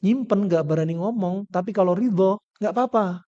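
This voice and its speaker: A man voicing a gentle wife who quietly pleads with her husband, coaxing and soft, in a dull lo-fi lecture recording. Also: high-pitched, moderate pace, no room sound, lightly acted. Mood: gentle pleading.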